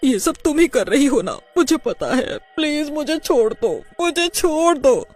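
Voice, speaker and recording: A woman's voice: lively intonation, a little slow, a little mellow, soft background music. A woman doing a shrieking, terrified teacher. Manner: shrill, stammering screams for help. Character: cruel female schoolteacher, panicky and terrified.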